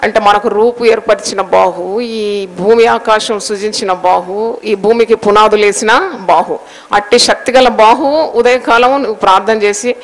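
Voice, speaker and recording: A woman's voice: on the high side, poor audio. A woman preaching a devotional sermon, reading scripture and explaining it, asking the listeners questions and slipping into English phrases. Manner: reads verses aloud, explains them in Telugu with English phrases; asks the listeners questions and answers them.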